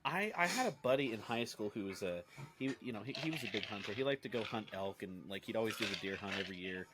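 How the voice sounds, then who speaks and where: A man's voice: lowish voice, lively intonation, quick pace, background noise. A man co-hosting a podcast, telling a story in casual chat with lots of restarts. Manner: rambling with many restarts and fillers. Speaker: podcast co-host.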